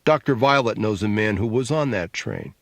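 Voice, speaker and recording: A man voicing an earnest, quietly pious younger brother who speaks in a subdued, solemn way, in an audiobook. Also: fairly low pitch, animated, normal speed, vocal fry, dry recording.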